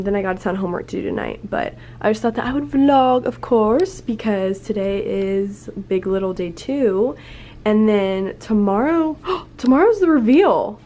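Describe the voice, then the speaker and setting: A young woman chatting casually to a vlog camera in a bubbly, excitable sorority-girl way, like a college student. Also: medium pitch, a little hiss or hum. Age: young adult. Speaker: college vlogger, sorority member.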